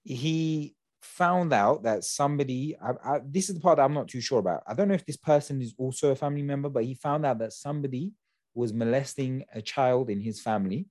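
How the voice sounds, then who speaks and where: A man's voice: mid-range voice, brisk, darkish tone, no echo, studio quality. A young man, hosting a podcast in casual, slangy chat. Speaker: podcast host.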